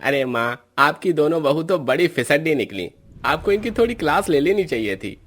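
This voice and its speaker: A man's voice: fairly high pitch, lively intonation, normal speed, a bit bright. A man voicing a cheeky young husband who teases the new brides, in a cartoon story. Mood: teasing. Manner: teasing. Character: cheeky young adult son, teasing his new wives.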